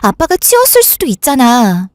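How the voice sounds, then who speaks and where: A brisk, offhand younger sister, as a woman acts her out in a radio drama. Her fairly high voice moves lightly and lively. The sound is close and dry. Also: dry recording. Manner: brisk, offhand, brushes things off. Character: breezy, offhand younger sister, back from studying abroad. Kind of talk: Korean radio drama acting.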